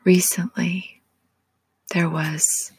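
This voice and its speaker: Slow breathy whispering woman in her forties. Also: fairly low pitch, flat delivery, no room sound. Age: 40s. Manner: slow, soft and prayerful, speaks directly to the listener. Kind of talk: whispered devotional and guided relaxation.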